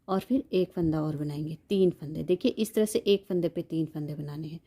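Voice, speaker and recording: A woman's voice: medium pitch, dark tone. A woman giving a step-by-step knitting tutorial, patiently counting stitches aloud and repeating each instruction.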